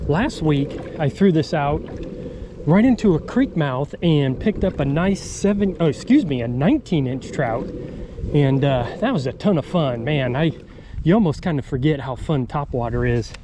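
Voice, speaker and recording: A man's voice: a little high, moderate pace, noisy background. Chatty man fishing from a kayak. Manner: relaxed, chatty, frequent ums and uhs. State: a little out of breath from pedaling. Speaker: fishing channel host. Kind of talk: casual outdoor vlog talk. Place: kayak on a tidal creek outdoors.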